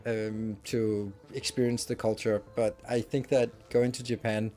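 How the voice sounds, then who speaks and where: This gaming streamer, a middle-aged man from Denmark with a Danish accent, has a lowish voice and dark tone. He rambles through casual, self-deprecating talk with his viewers as he games, often restarting mid-thought.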